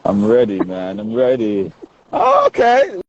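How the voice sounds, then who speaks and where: A man's voice: fairly low pitch, measured pace, dry recording. Man heard over a muffled call line. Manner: animated, repeats himself. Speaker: remote guest. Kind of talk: casual chat.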